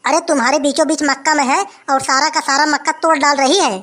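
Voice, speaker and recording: Performer as an obedient young village man, comedy, high and bright. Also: steady tone, fast. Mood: eager. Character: eager young village son.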